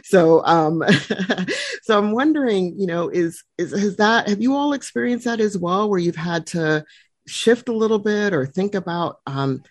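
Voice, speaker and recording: A soft-spoken woman who laughs often, reflecting aloud and leading a group discussion. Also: lowish voice, dry recording, studio quality. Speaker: discussion facilitator.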